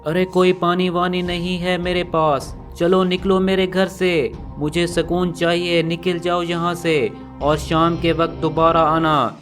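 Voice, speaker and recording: A man's voice: sits high, little pitch movement, measured pace, hardly any pauses, fairly bright tone, soft background music. A man voicing a cruel, arrogant young female crow who taunts and bosses her mother-in-law. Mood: scornful. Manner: scornful, bossy and taunting.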